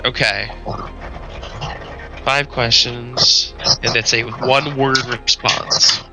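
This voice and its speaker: A man running a tabletop game as game master, talking haltingly with many restarts. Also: medium pitch, fairly even intonation, over music. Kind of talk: narrating a tabletop game over voice chat.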